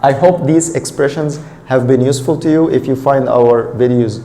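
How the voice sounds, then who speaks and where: A man's voice: medium pitch, warm tone. Male language teacher. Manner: deliberate, repeats phrases for learners. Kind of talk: instructional lesson, explaining and repeating phrases.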